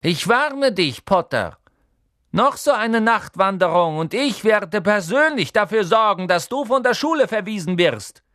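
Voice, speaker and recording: A man reading aloud, voicing a stern, snide male schoolmaster with a slow, silky, mocking delivery. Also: medium pitch, very animated, creaky, darkish tone, no room sound, clean studio sound, heavily acted. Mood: threatening. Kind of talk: audiobook character voice.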